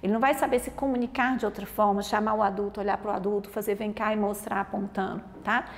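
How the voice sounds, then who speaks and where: A woman pediatric neurologist with a Brazilian Portuguese accent, giving an explanatory lesson and often checking in with a quick "tá?". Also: mid-range voice, steady tone, big-room sound. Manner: explanatory, peppered with "tá?" check-ins.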